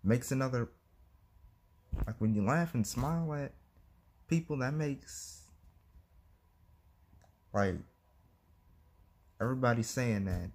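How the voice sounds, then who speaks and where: A man's voice: mid-range voice, expressive, slow pace, pauses often, darkish tone. A man talking to the camera in a casual, rambling vlog, hesitant and giggly, with many restarts, recorded on a phone. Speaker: vlogger.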